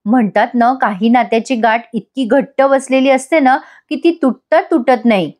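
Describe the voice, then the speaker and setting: A woman's voice: a little high, moderate pace, darkish tone. A woman narrating a casual voice-over recap of a TV serial episode, retelling the scenes and voicing the characters' quoted lines, with a Marathi accent.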